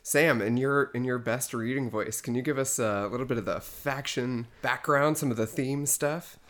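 A woman's voice: rumbling low, normal speed, a bit bright. A woman co-hosting a casual game podcast, chatty and playful. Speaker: podcast co-host.

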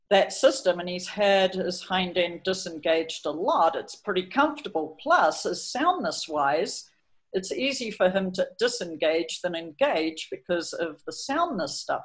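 A middle-aged woman, a horse trainer chatting hesitantly through a training video and telling stories about her horse. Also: on the low side. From New Zealand. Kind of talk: explaining training over a video, storytelling.

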